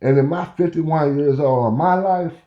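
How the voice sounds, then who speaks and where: This Oklahoman man, a fifty-something podcast host, wanders through a story conversationally, repeatedly checking in with "you know where I'm coming from." He speaks at a moderate pace in a slightly high voice, with muffled, echoey audio.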